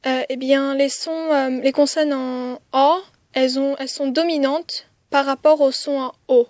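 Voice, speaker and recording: A woman's voice: high-pitched, fairly even intonation, measured pace, dry recording, clean studio sound. A woman teaching a writing lesson step by step, with frequent "euh" hesitations and counting strokes aloud. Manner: counts strokes aloud, softly whispering some counts. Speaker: language teacher.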